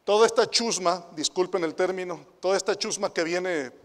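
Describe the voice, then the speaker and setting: Preaching to the youth at normal speed, a high-voiced Mexican man who serves as pastor and youth director fires off rhetorical questions. Quiet asides give way to loud, forceful proclamations, and a hall's lingering reverb swallows his voice.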